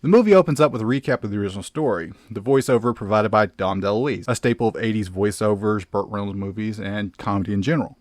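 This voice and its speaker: A man's voice: on the low side, fast, few pauses, no echo, clean studio sound. A man hosting a comedic film review, exclamatory and sarcastic as he narrates.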